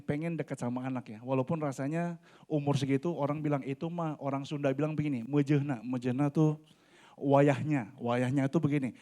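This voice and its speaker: A man's voice: fairly high pitch, dark tone. A man in his forties preaching a sermon in a church, talking animatedly and often addressing the congregation directly. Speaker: pastor. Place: church hall.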